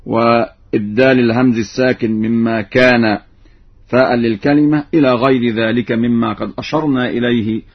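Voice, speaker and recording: A man explaining the variants of a Quran recitation in a measured, didactic way, drawing out the verses he quotes in slow chant. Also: mid-range voice, fairly even intonation, slightly rough. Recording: dull, lo-fi radio recording.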